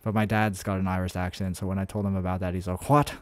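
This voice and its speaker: Low-voiced man rambling while coding. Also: flat delivery, fast, a little mellow, no room sound, clean studio sound. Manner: thinks aloud, rambling with many fillers and restarts; answers chat messages between coding steps. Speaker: game developer streaming his work. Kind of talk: casual live-stream chat while coding.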